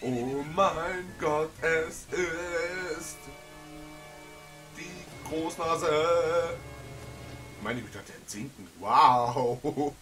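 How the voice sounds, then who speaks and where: A man giving jokey, animated commentary while playing a game. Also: a little high, very slow, faint music behind. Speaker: let's play gamer. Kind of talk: casual gameplay commentary.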